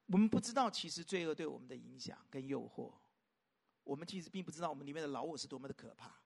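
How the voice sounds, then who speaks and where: A man preaching a sermon as a pastor. He keeps asking rhetorical questions and swings from loud, emphatic lines to soft, quiet ones. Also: fairly high pitch, animated, quick pace, gravelly, slightly rough.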